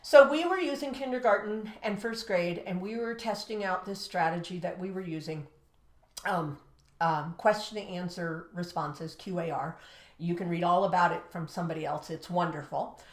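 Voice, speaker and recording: Her voice sits lowish and moves at a moderate pace as she, an American teacher and education-show co-host, shares animated classroom stories. She gives advice emphatically and acts out dialogue. The recording has an echoey room sound.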